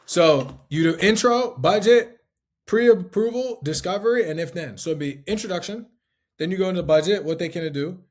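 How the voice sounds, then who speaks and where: Chatty higher-voiced man coaching sales. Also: moderate pace, darkish tone. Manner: loose, conversational, many fillers and tag questions. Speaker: life insurance sales trainer. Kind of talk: casual instructional talk.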